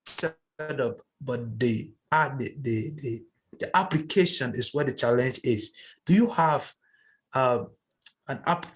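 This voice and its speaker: A man, a student, asking an earnest and halting question over a video call. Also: mid-range voice, low-quality recording. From Liberia.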